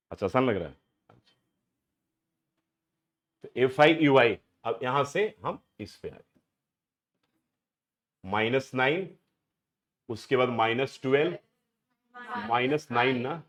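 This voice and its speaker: A middle-aged man from India teaching math to a live class, keeps quizzing students as he works through each step. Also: medium pitch. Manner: questioning students, mixing Hindi and English. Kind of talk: classroom lecture.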